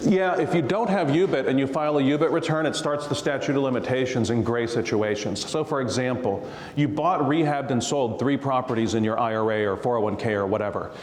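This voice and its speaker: A man speaks fairly quickly in a mid-range voice, a real estate tax attorney guest addressing a live audience casually with stories, tax explanations and frequent laughter. There's slight background noise and a roomy, reverberant hall sound.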